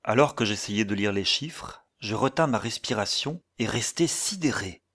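A man narrating a story in a measured way, as an audiobook reader. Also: on the low side, animated, fairly bright tone, husky. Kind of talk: scripted narration.

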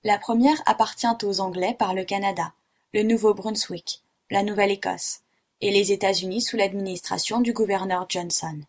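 A woman's voice: mid-range voice, moderate pace, lightly acted. A woman doing a grave, unruffled boy pupil. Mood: calm. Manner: calm, matter-of-fact recitation.

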